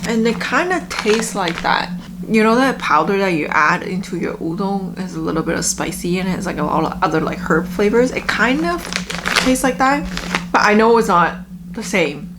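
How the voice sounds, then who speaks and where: A woman giving a casual, halting taste-test review, with lots of filler words like "like". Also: mid-range voice, lively intonation, noisy background. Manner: halting, filler-heavy, frequent "like". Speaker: food review vlogger.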